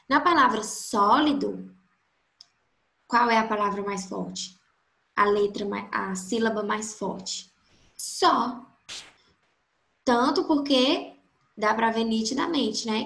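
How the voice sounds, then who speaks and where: A woman gives a grammar lesson at an unhurried pace. Her voice is pitched a little high and has a gravelly edge. She draws out every example word syllable by syllable, and the room around her is echoey. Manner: slow, stretches out example words syllable by syllable. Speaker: Portuguese teacher.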